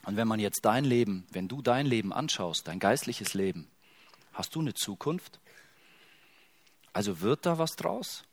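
A man's voice: on the low side, expressive, moderate pace, hardly any pauses. A middle-aged man preaching a sermon as pastor, in a casual, joking and conversational way, putting many direct questions to his listeners.

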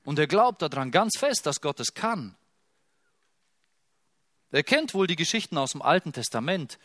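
Guy preaching a sermon, kinda high voice, goes quiet then loud, dry close sound. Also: normal speed, no echo. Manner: expressive, swings from hushed to loud when quoting.

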